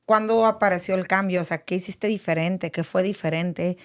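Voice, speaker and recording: A woman's voice: lowish voice, fairly even intonation, normal speed. A woman hosting a podcast, an empathetic interviewer who asks probing follow-up questions and affirms often. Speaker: podcast host.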